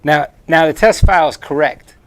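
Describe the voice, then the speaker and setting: Heard in a dry recording from a camera mic, a thirty-something man with a fairly high voice talks at a moderate pace. He co-hosts a live craft stream from a workshop, working while he chats and playfully jokes around.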